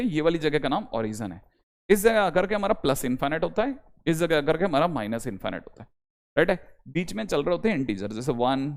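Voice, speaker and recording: A young man teaching a maths class online, repeating reminders to his students and switching between Hindi and English. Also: fairly high pitch. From India. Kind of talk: online lecture.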